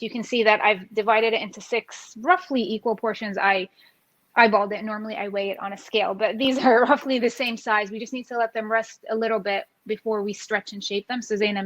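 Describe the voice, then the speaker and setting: A woman's voice: mid-range voice, level tone, fairly quick, low-quality recording. A woman from Jerusalem, a cookbook author, chatting in a friendly way as she explains each step of her cooking. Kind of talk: cooking demonstration chat.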